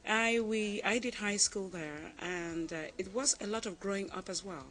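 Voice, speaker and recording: A woman from Cameroon in her forties, a guest on a TV interview who answers in a measured, reflective way and laughs easily. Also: mid-range voice, a bit bright, rough recording.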